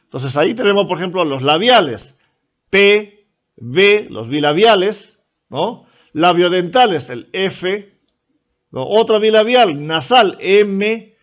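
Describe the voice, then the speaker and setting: A Peruvian man teaching a lecture-style class with a voice that sits a little high. He explains step by step and keeps checking with "¿no?". The recording sounds dull and lo-fi. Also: expressive, slow pace, fairly bright tone. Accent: Peruvian Spanish. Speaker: language teacher.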